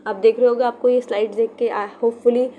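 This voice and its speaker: Young woman, exam-prep lecturer, patient step-by-step explainer, slightly high pitch, light background noise. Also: level tone, a little fast, phone-quality sound. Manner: explains step by step, repeats key terms, mixes in English. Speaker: literature teacher.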